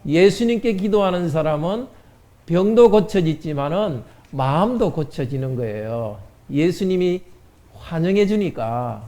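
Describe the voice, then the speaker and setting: A man's voice: fairly high pitch, animated, unhurried, mellow. A man pastor giving a children's sermon in church, asking the children questions and answering them. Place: church sanctuary.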